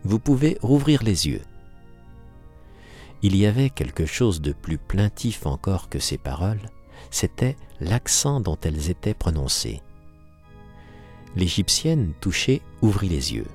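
A man's voice: sits low, very animated, a little slow, darkish tone, soft background music. A man narrating a classic novel as an audiobook, reading expressively. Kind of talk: scripted literary narration.

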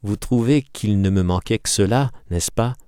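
A man voicing Quasimodo, the gentle, sorrowful hunchback. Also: lowish voice, normal speed, smooth, dry recording, clean studio sound, close to an everyday voice. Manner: soft, pleading and self-pitying.

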